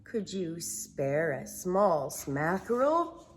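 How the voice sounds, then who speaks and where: A woman's voice: lowish voice, very animated, drawn-out words, exaggerated voice. A woman voicing a sweet, hungry male bear in a storybook, hesitant and plaintive. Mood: hungry, pleading.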